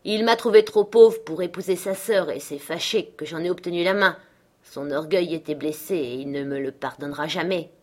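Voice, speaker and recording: A woman's voice: fairly low pitch, moderate pace, a little mellow, natural voice. A woman reading the part of a bitter, scornful middle-aged man, in a curt, sardonic manner, in an audiobook. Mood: confiding.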